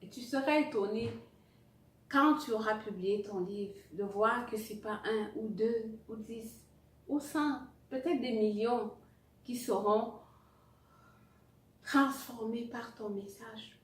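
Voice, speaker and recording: A woman's voice: fairly high pitch, takes it slowly. Echoey, distant woman coaching. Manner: emphatic, repeats key phrases, direct address; some English words mixed into French. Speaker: writing coach. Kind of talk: motivational teaching with acted-out anecdotes. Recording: roomy echo, distant mic, faint noise.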